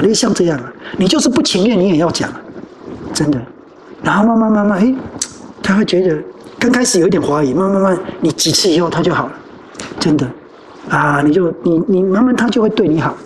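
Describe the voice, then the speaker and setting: A Buddhist monastic answering listeners' questions in an informal dharma talk, telling personal stories and repeating phrases with drawn-out particles at the ends of sentences. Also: medium pitch, background noise. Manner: tells personal stories to advise.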